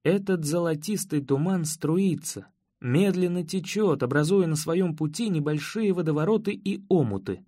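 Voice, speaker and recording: A man reading a first-person story as an audiobook narrator, in measured, evenly paced storytelling. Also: a little high, mellow, no room sound, clean studio sound.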